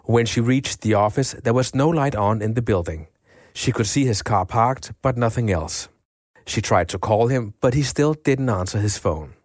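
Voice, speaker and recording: An actor voicing a male former homicide police chief who recounts a case in a measured, factual documentary voice-over. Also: fairly low pitch, darkish tone, dry recording, clean studio sound. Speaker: voice actor reading an expert's account.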